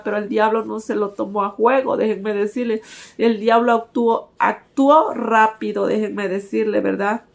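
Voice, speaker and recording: Woman telling her faith testimony, kinda high voice, raspy fry all through, earnest. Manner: earnest, constantly addresses listeners as brothers. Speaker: testimony speaker. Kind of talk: personal religious testimony.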